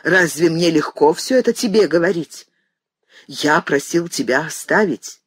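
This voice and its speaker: A woman's voice: sits low, expressive, a little slow, slightly rough, no echo, clean studio sound, heavily acted. A woman voicing an anguished grown son. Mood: bitter. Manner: pleading, restrained, then bitter. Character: anguished grown son, weary, pleading, bitter.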